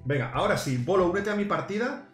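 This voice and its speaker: A man calls out a team match, coaching his teammates through every move and bursting into shouts when a play lands. His voice sits a little high. The sound is roomy, with game music playing underneath. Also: animated, fast talker. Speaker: gaming YouTuber host. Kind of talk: excited live gameplay commentary.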